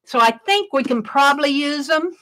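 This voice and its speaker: A middle-aged woman hosts an art livestream, chatting casually in a loud, projected voice while she works and reads chat comments. Her voice is high and animated at a normal pace, and the recording quality is low.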